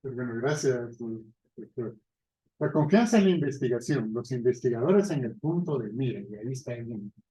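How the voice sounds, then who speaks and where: A man's voice: mid-range voice, lively intonation, moderate pace, warm tone, reverberant, rough recording. A man giving a university lecture in a conversational way, often checking in with his listeners. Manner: conversational, asks "¿verdad?" often.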